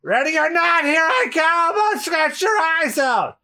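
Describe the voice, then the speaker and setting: A man's voice: extremely high pitch, big pitch swings, a little slow, bright, forceful tone, pitched above the performer's own voice, full character voice. A man voicing cowardly cat-themed pirate guards from a manga in a whining, theatrical way. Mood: panicky bravado.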